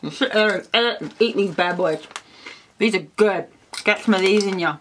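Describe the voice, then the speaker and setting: A woman's voice: medium pitch, normal speed, fairly bright tone, slight background noise. An Australian woman chatting enthusiastically in a casual food taste-test vlog, full of "like" fillers. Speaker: food vlogger. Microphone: camera on tripod.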